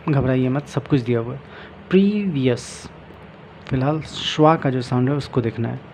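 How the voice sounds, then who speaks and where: Man teaching, reading slowly aloud. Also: medium pitch, warm tone, a little hiss or hum. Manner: mixes English and Hindi, reads English slowly aloud. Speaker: English vocabulary teacher. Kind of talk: explaining a book aloud.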